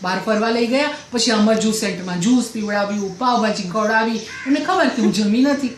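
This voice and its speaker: A chatty, breathless housewife, played by a woman, who repeats herself while griping about her in-laws. Her voice sits a little high. The recording is roomy and echoey, with a faint hiss underneath. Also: fairly quick, lightly acted. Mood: gossipy. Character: gossipy middle-aged housewife complaining about in-laws. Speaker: comedian. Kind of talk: comic character monologue.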